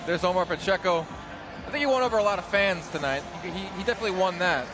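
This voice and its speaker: High-pitched male boxing play-by-play host. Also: quick pace, over music. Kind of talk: live boxing broadcast commentary.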